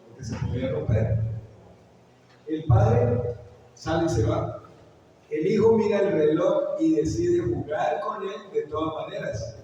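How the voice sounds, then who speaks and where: A man's voice: fairly high pitch, mellow, lo-fi sound, a little hiss or hum. A man preaching a sermon as pastor, telling a story and putting questions to the congregation. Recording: echoey hall, picked up from far off.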